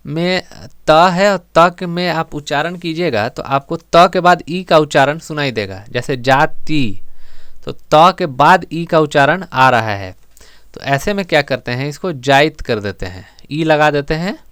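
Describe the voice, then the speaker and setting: A man teaching an exam-prep grammar lesson, explaining step by step and repeating words slowly for emphasis. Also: fairly high pitch, expressive, a bit bright, clear, resonant tone, no echo, studio quality.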